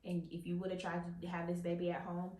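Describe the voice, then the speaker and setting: A woman telling her birth story in a casual, halting way. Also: fairly low pitch, monotone, dark tone. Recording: roomy sound.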